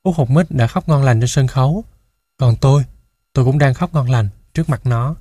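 A man reading a first-person children's story aloud in a steady, measured way into a close mic. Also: medium pitch, slightly rough, no echo. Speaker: audiobook narrator.

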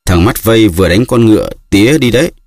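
A man voicing a drunken, brutal peasant who shouts and brags loudly, in an audiobook reading. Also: fairly low pitch, lively intonation, fast talker, no echo, studio quality, voice pushed up. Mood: boastful. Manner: shouting, blustering.

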